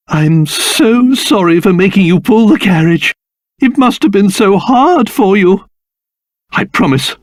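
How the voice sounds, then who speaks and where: An actor playing a fussy, pompous old king in a video game, theatrical and quick to bluster or dote. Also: sits high, no echo, clean studio sound. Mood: tender, doting.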